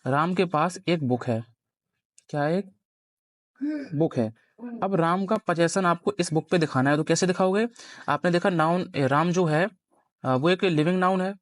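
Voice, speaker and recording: A man's voice: fairly high pitch, dry recording, clean studio sound. A young man teaching a grammar lesson at a board, explaining step by step and constantly quizzing his students. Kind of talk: classroom grammar lecture at a board.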